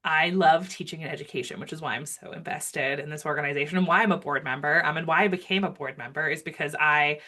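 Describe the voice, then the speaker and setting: A woman's voice: deep voice, quick pace, few pauses, pushed and bright. A woman talking earnestly as a guest in an interview, with frequent ums and restarts. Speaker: guest, wildlife rehabilitation board member. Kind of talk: casual interview talk.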